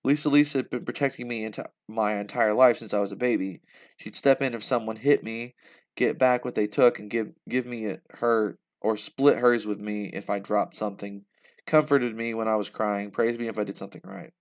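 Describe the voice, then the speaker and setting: Young male reader, animated, laughs between lines, live reaction. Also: fairly low pitch, a little fast. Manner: animated, laughs and breaks off mid-sentence. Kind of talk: reading aloud with reactions.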